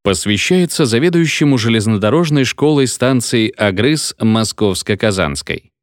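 A male narrator reads a comic story in a theatrical audiobook style. His pitch rises and falls in lively arcs. The recording is dry and close. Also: normal speed, no room sound. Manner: theatrical, animated. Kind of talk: expressive audiobook reading.

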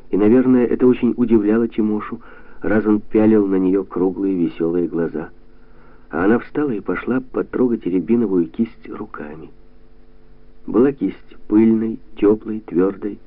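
A man calmly reading a literary novel aloud in a measured, even way. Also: lowish voice, no room sound. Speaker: audiobook narrator. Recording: tinny lo-fi radio sound.

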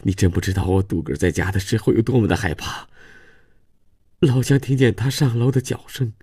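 A man's voice: sits low, expressive, measured pace, mellow, husky, no echo, studio quality, heavily acted. A man playing an anxious, tearful young wife in a spoken story, pleading in a raised voice.

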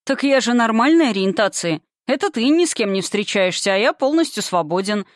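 Playful cocky young dark creature guy, teasing, dry close sound, woman reading it. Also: on the high side, animated, a little fast, dry recording, natural voice. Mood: indignant. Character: mocking young male shapeshifting darkness creature.

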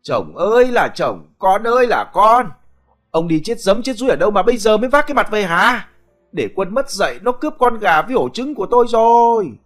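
A woman's voice: mid-range voice, very animated, brisk, faint music behind, pitched above the performer's own voice, natural voice. A man voicing a furious, foul-mouthed village wife who screeches curses and wails in a storybook reading. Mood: screeching abuse.

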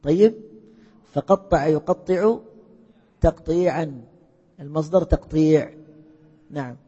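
A male teacher with a husky, mellow voice leads a classroom lesson, firing questions at his students and echoing their answers. The sound is muffled and lo-fi, with a long reverb from a large hall. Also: fairly high pitch, slow. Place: lecture hall.

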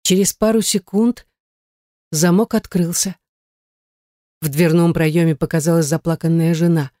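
An audiobook narrator reading a novel aloud in a steady, dramatic way. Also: mid-range voice, a little slow, no room sound, studio quality. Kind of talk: scripted narration.

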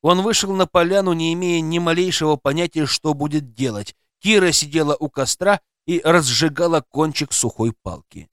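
A man narrating an audiobook with a lively, dramatic delivery. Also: fairly high pitch, moderate pace, hardly any pauses, no room sound, studio quality.

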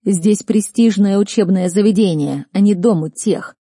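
A woman's voice: mid-range voice, normal speed, warm tone, breathy edge, no room sound, clean studio sound, lightly acted. A woman reading an audiobook, voicing a stern, furious male academy rector who barks and scolds. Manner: barking, scolding.

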